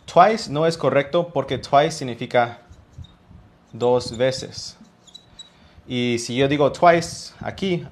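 A male English teacher with a Mexican Spanish accent, patiently explaining grammar in a live online class and drawing out his examples. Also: medium pitch.

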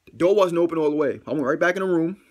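Animated slangy young man telling a story. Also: a little high, racing. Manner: animated, acts out his own reactions with sudden loud squeals; slangy, profane, self-mocking. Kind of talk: casual storytime monologue.

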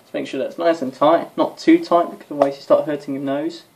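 Talking fast in a steady, slightly high voice that's creaky with a darkish tone, a young vlogger demonstrates toys to camera in a rambling, tired way. He's filming on his phone at arm's length in a small bedroom, and there are faint noises and clicks in the recording.

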